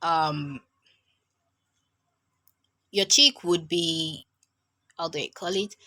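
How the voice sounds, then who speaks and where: Slow, bright-voiced woman teaching pronunciation. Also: low voice. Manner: patient, repeats each sound several times as a demonstration. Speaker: Quran recitation teacher. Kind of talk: online pronunciation lesson.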